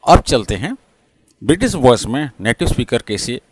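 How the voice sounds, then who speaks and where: A man with an Indian English accent teaching English pronunciation, slowly repeating words and spelling them out letter by letter. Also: mid-range voice, sing-song, breathy edge, no room sound. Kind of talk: classroom-style lesson mixing Hindi and English.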